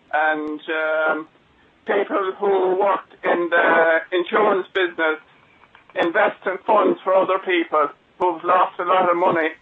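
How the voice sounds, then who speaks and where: A man from Galway with a west of Ireland accent, calling a radio phone-in and speaking haltingly as he searches for words. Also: high voice, a little hiss or hum. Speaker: phone-in caller. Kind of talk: hesitant personal account on a radio phone-in. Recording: muffled phone line on radio.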